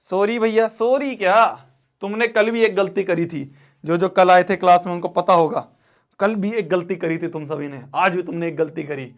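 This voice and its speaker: A man's voice: sits high, moderate pace. A young man teaching math in a live online class, repeating himself and half-scolding, half-pleading with his students.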